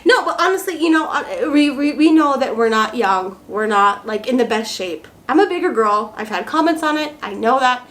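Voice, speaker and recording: A woman's voice: a little high, lively intonation, normal speed, few pauses, fairly bright tone. A woman speaks in a tipsy, playful way, chiming in casually. She comes across as a travel vlogger chatting through a Q&A, with a little noise behind her. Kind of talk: casual chat, Q&A.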